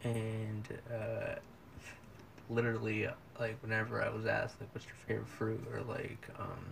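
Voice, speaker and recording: A man telling a casual story in a laid-back, halting way with many fillers. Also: on the low side, monotone, creaky, fairly bright tone. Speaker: storyteller in a short clip. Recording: noisy background ambience.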